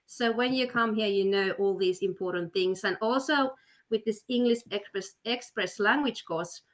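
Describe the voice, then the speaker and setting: A woman with a medium-pitched voice, speaking at normal speed, hosts an education webinar as a study counselor. She is upbeat and persuasive, using lots of fillers, and is heard through a video call microphone.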